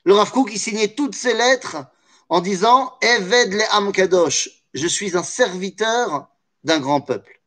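A man's voice: sits high, a little slow, a bit bright. A man teaching a Torah study lesson, explaining with animation, weaving in Hebrew terms and jokey asides.

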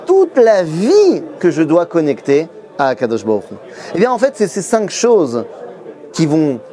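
A middle-aged man with a slightly high voice explains Torah in a busy yeshiva study hall. He teaches like a storyteller and briefly acts out the voices of the people he quotes. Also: mellow. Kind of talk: explanatory lesson to camera.

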